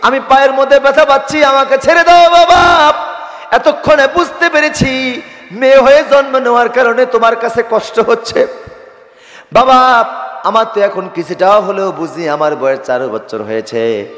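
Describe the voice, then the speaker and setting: A frightened little girl, about four, pleads through tears in a high, strained voice, as a preacher acts her out. The sound carries a long, echoing reverb, as if in a big hall. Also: normal speed, a bit bright. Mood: tearful. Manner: high crying plea, repeating calls for her father.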